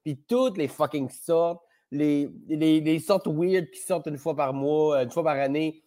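A man's voice: on the high side, measured pace, warm tone. A man with a Québécois French accent, a podcast guest chatting casually, rambling and playful, swearing freely. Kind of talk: casual conversation.

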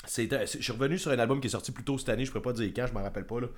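A man with a Quebec French accent chats casually about records, rambling and enthusiastic and swearing freely. His voice sits at an ordinary middle pitch. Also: rapid-fire. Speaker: podcast host. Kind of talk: casual music review chat.

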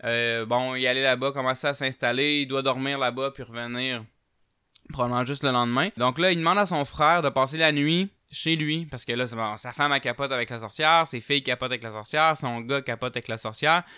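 Bright clear Québécois man telling a story. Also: medium pitch, a little fast, dry recording, studio quality. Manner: chatty, many fillers, rising to loud excitement at tense moments. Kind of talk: casual storytelling of a paranormal case.

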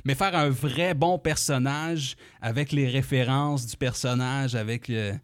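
A man with a Quebec French accent hosts a casual comedy chat. He talks animatedly, jumping in with jokes and quick restarts. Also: medium pitch. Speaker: podcast host.

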